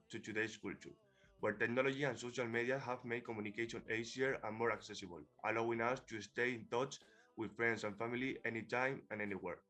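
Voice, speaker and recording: A man's voice: mid-range voice, pushed and bright. A young man from Spain, a student on a podcast panel, reading his prepared opinion. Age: young adult. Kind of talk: student podcast, read from notes.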